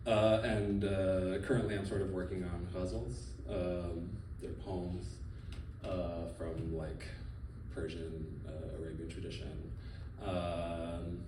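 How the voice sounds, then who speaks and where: A poet from the Philippines with a fairly low voice reads his poems slowly at a live event, trading loose, joking banter between pieces. He stands back, off-mic, and his voice carries through a roomy hall. Steady audience and room noise sit underneath.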